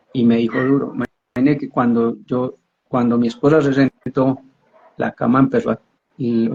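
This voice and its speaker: A man with a husky, mellow voice tells his conversion story in a flat, even tone. He halts and repeats himself as he goes. The audio is dull and lo-fi. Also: mid-range voice. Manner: halting, repeats and restarts words. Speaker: man giving a conversion testimony. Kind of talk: personal religious testimony.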